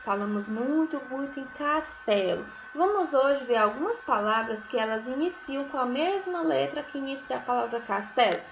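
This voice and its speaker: A woman teaching a recorded first-grade phonics lesson, sounding out syllables slowly and often checking in with tags. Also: high voice, lively intonation, creaky, muffled recording, a little hiss or hum. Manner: slow, drawn-out syllables, sounding words out; frequent checking tags like "né?" and "certo?". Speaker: primary school teacher.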